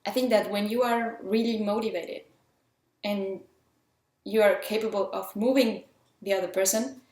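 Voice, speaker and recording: Here a woman from Mexico speaks at a moderate pace with a steady tone, her medium-pitched voice slightly mellow. She's an independent filmmaker giving casual, enthusiastic, earnest tips in a Mexican accent touched by French, recorded in an echoey room.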